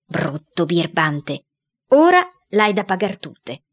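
A woman voicing an angry, stern father who threatens his son, speaking gruffly, in a read-aloud story. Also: fairly low pitch, big pitch swings, slow, exaggerated voice. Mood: threatening. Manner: menacing, gruff.

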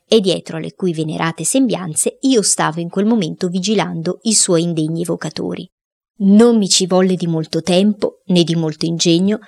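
A woman narrating a storybook with a steady, expressive delivery. Her voice sits a little low for a woman. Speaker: audiobook narrator. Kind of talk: storybook reading.

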